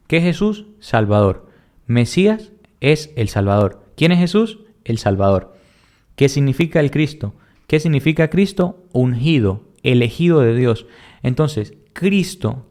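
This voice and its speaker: Male Bible teacher, mid-pitched, quizzes then answers himself, emphatic and repetitive. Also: a little mellow. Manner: asks questions and answers them himself; repetitive, emphatic, reads verses slowly. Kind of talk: Bible lesson.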